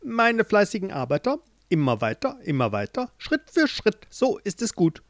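A man's voice: high-pitched, huge pitch swings, normal speed, no room sound, studio quality, pitched above the performer's own voice, exaggerated voice. Storybook ant queen, haughty and commanding, voice pushed way up and swooping, as a male narrator does her. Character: grand bossy female ant queen.

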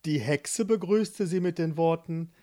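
A woman narrating a children's fairy tale in an expressive way. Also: on the low side. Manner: slow and expressive. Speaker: storyteller.

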